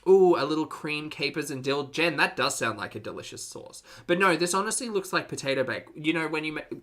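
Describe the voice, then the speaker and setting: A man hosts a reaction stream, chatting casually with his live audience and teasing them with dry sarcasm. His voice is a little high and fairly bright, expressive and a bit fast.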